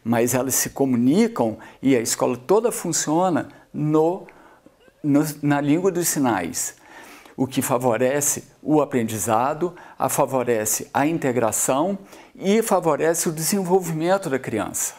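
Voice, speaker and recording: A Brazilian man giving measured, explanatory documentary narration. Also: a little high, expressive, darkish tone. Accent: Brazilian Portuguese.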